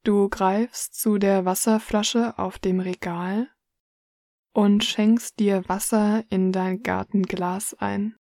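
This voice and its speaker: A woman reading a guided relaxation story in the second person, soft and hushed. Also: mid-range voice, level tone, slow, vocal fry, dry recording, clean studio sound.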